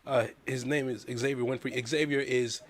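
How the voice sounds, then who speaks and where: A man hosting a talk show, speaking in a heartfelt, halting way with many repeated words. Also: medium pitch, steady tone. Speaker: host. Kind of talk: casual chat.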